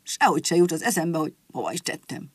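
A woman voicing a forgetful old grandpa rabbit who grumbles and mutters gruffly. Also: low-pitched, lively intonation, dry recording. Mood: grumbling.

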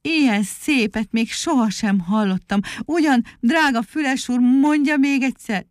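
A woman reading a storybook aloud, voicing a sly, flattering trickster animal who poses as a singing teacher in a wheedling, theatrical tone. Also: mid-range voice, dry recording, clean studio sound, close to an everyday voice. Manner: wheedling, fawning, theatrical praise.

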